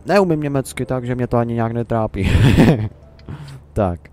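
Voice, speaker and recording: A man's voice: mid-range voice, dark tone, faint music behind. A young Czech man rambling and musing to himself in casual gameplay commentary. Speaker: let's play commentator.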